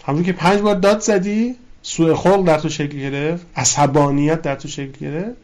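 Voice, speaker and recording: A man teaching a classroom lesson on a philosophy text, reading Arabic lines and explaining them, stressing his points with repetition. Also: a little high. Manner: reads out Arabic lines, then explains them in colloquial Persian; animated, stressing key words with repetition. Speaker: religious teacher.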